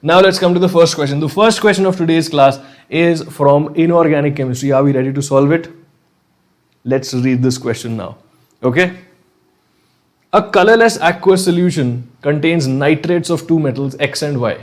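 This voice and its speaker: A man's voice: on the high side, normal speed. A man with a North Indian accent teaching a live online class conversationally, often checking in with short questions and slipping Hindi phrases into his English.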